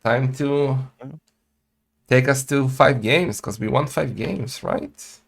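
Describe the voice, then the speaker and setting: Gravelly-voiced male game co-caster. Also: medium pitch, takes it slowly. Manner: lively, joking, laughs often. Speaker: tournament co-host and caster. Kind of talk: casual game commentary.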